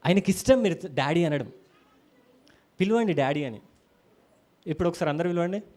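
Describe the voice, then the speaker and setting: A man with a Telangana Telugu accent preaches a sermon in a church, animated as he acts out quotes and calls hallelujah to the congregation. His voice is a little high and his pace is normal.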